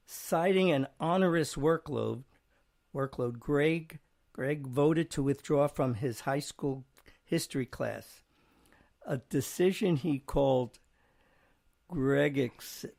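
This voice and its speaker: A man's voice: medium pitch, vocal fry, darkish tone. A man hosting a casual chat, playfully reading out word definitions and example sentences. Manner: playful, chuckling, reads aloud slowly at times. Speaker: host.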